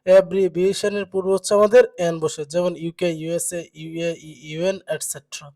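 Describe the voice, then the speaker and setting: Tutor, grammar lecture, mid pitch, asks questions then answers them himself. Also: fairly even intonation, moderate pace, warm tone. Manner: asks rhetorical questions and answers them, frequent check-ins. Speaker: teacher. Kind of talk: exam-prep grammar lecture.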